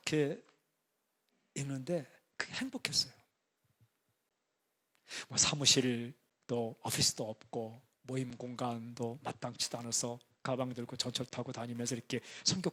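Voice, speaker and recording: A middle-aged male pastor preaching in a conversational, storytelling way, now and then breaking into excited exclamations. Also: mid-range voice, moderate pace, slightly rough. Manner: conversational storytelling, bursts into excited singing and shouting. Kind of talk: sermon.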